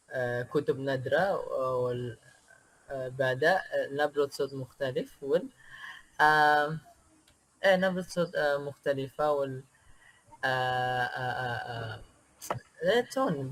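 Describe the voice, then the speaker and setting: A man from Indonesia, a native Indonesian speaker, chatting as an interview guest in a hesitant way with many pauses and filler sounds. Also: medium pitch, a bit bright. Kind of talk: casual interview chat.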